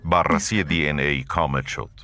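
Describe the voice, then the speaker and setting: Casting note: deep, bright-toned computer voice, flat and formal. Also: male voice, soft background music, full character voice. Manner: flat, formal, machine-like replies. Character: calm male computer assistant in a pod.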